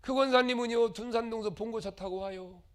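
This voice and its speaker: A man preaching a sermon as pastor, dramatic, acting out the voices of the people in his stories, swinging from shouts to murmurs. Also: extremely high pitch, steady tone, brisk, a crowd in the background.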